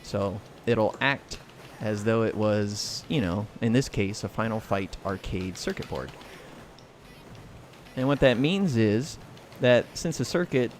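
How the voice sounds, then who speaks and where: A man's voice: fairly low pitch, lively intonation, slow. American man doing casual game stream commentary. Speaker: livestream host and gamer. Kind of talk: casual live commentary while playing. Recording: clear noise, game sounds behind. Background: video game sound and clacking arcade buttons.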